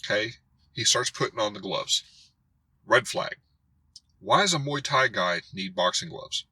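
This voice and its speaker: Man, karate host, bright and raspy, fairly low voice, animated storyteller. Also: measured pace, low-quality recording. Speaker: karate instructor and channel host. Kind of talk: storytelling rant to camera.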